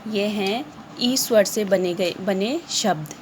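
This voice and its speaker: A woman's voice: mid-range voice, takes it slowly, a little hiss or hum. A woman teacher with an Indian accent, giving an online lesson and stressing each word as she reads lists of words aloud. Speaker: school teacher.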